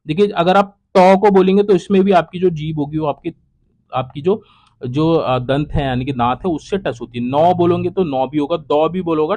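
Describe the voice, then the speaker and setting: A young man teaching exam prep, working through quiz questions one by one and repeating each answer, his voice trailing low at the end of each. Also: darkish tone. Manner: repetitive, drops to a low trailing voice at each close. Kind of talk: solving quiz questions aloud.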